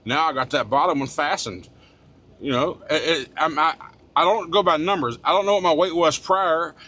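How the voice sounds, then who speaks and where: A middle-aged man vlogging from inside his truck cab, talking to the camera in a loose, rambling way. His voice sits a bit higher than most men's, and he trips over restarts and fillers. He is blunt and swears casually. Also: moderate pace, bright, forceful tone. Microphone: small handheld camera.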